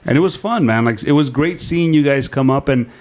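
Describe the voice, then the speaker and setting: A man's voice: medium pitch, fairly quick, darkish tone, a little hiss or hum. A man hosting an interview, asking questions in a friendly, conversational way and often showing appreciation. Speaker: host. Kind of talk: casual interview chat.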